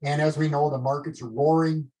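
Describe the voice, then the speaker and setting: Fairly high in pitch yet dark in tone, this man's voice is steady and brisk. He's a featured guest on a live video call, in his late fifties from northern Minnesota with the local accent, chatting about his career in a rambling, self-deprecating way full of restarts.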